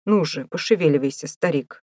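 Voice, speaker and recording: A woman voicing a gruff, mocking male prison warder who bosses prisoners about in an audiobook. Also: deep voice, brisk, darkish tone, dry recording, studio quality. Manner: rough, taunting, bossy.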